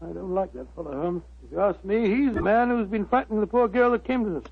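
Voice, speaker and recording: An actor in a 1940s radio drama playing a bluff, bumbling older gentleman doctor with an English accent, blustering and stammering. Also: high voice, fast talker, gravelly, husky, exaggerated voice. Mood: puzzled, blustering. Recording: dull, noisy old radio recording.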